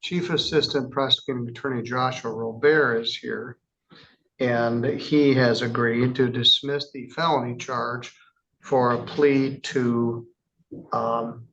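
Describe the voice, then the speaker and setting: A man presiding as a judge in a courtroom, reading charges in a measured, formal way with casual asides. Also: mid-range voice, fairly bright tone, dull audio. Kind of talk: courtroom proceedings.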